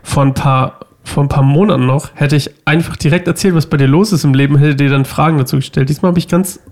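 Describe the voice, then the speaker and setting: A man's voice: on the high side, quick pace, a little mellow. A man co-hosting a casual podcast chat, playful and teasing, his voice still a bit scratchy. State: slightly scratchy voice. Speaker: podcast co-host.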